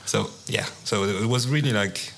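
A man from Tunisia speaks casually about music, stopping and restarting his sentences. His voice sits a little low. A faint ambient hum runs under the talk. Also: normal speed, fairly bright tone. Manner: hesitant, many restarts and fillers. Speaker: musician guest. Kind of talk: casual interview chat.

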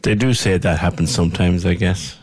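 A man's voice: sits low, brisk, a little mellow, slightly rough, dry recording. A man asking questions as an interviewer, in a sympathetic, understated conversational way.

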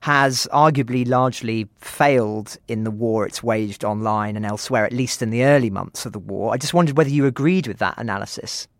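Man, mid-range voice, dry studio-like sound, interviewer, measured, polite, discursive questioning. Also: mid-range voice, no room sound.

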